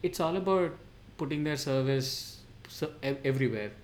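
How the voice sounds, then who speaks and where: A man's voice: mid-range voice, lively intonation, moderate pace. A man with a mid-range voice co-hosts a casual tech podcast. He is blunt and exasperated, and he swears freely as he rants. Faint background noise sits under his voice. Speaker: podcast co-host.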